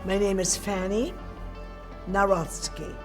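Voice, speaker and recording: An older woman from Eastern Europe giving recorded testimony as a Holocaust survivor, telling her story in a measured, plain way. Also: medium pitch, fairly even intonation, over music. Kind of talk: archival testimony interview.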